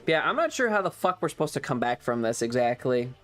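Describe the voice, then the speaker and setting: With faint music behind him, a man streams and chats casually, his medium-pitched, slightly bright voice very animated and fast. He tells stories emphatically, swears a lot and keeps repeating phrases.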